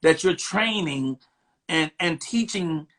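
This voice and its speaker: A comedian interviewing a guest, riffing in an animated, preachy way. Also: male voice, fairly high pitch, slow. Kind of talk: casual interview chat.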